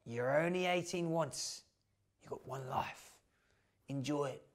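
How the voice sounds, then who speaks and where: Big brash Australian bloke voiced by a man, low-key and matey, soft and distant. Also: a little slow, natural voice. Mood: pushy. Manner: blunt, pushy, matey.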